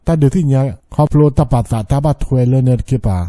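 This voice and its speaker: A man with a very mellow, dark-toned voice chats easily in a casual talk. He drops in short interjections while the other man speaks. The sound is dry and close. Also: medium pitch, fairly even intonation, fast talker, no echo. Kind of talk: casual chat.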